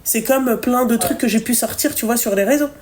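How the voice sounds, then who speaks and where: A woman talks on her live stream in casual, unscripted chat. Her voice sits a little high, and she hands out blunt advice with plenty of swearing and hesitant fillers. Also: brisk, a little mellow, slight background noise. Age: 30s.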